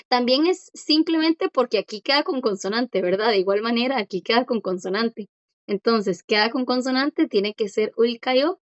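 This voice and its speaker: A woman teaching a language lesson in a patient, repetitive way, often checking that her students follow. Her voice sits somewhat high. The sound is dry and a little dull. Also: no room sound. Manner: patient, repeats key points and checks understanding.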